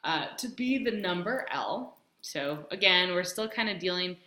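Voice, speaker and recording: A woman's voice: fairly low pitch, animated, a little slow, pushed and bright. Chatty woman teaching math, echoey room. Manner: chatty, many ums, talks to herself while writing. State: has the hiccups. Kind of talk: casual math lesson.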